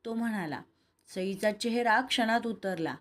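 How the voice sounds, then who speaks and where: Reading a romantic serial story out loud, a woman voices every character in her own voice as she moves through the scripted narration and dialogue. Her voice is mid-range and her pace measured.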